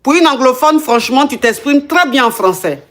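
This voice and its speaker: A woman with a fairly high voice works as a coach on a call-in show. She talks casually and emphatically, repeating key phrases as she gives advice. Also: animated, moderate pace. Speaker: relationship coach and call-in host.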